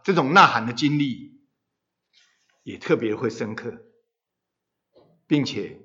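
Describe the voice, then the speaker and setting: A man preaching a sermon to his congregation. He asks questions of his listeners and leans hard on key words, rising loud and then dropping low. The sound is dull and lo-fi. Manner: rhetorical questions to the congregation, dramatic rises in volume. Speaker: pastor. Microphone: handheld microphone.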